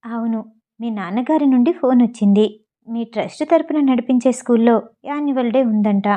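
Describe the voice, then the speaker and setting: A woman's voice: a little high, normal speed, warm tone, close to an everyday voice. A woman reading the matter-of-fact lines of a businesslike young female assistant.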